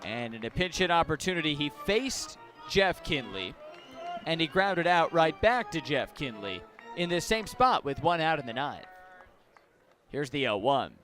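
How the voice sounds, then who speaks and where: A high-voiced male announcer calls a baseball game live on radio, animated and using dramatic pauses, his voice swelling on big plays. Ballpark crowd noise and stadium music play behind his commentary.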